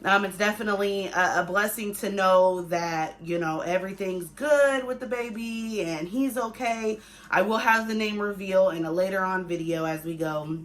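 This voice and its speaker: A woman's voice: mid-range voice, moderate pace, fairly bright tone. A young adult woman vlogging as a mother, chatting casually and conversationally to viewers, repeating herself for emphasis. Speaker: family vlogger, pregnant mother. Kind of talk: casual chat to viewers, pregnancy update.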